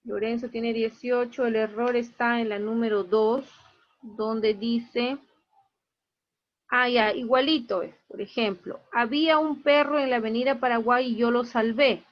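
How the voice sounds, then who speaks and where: A woman's voice: a little high, fairly even intonation, measured pace, muffled recording. A woman teaching an online class, going through her students' grades one by one and explaining each mark in a plain, matter-of-fact way.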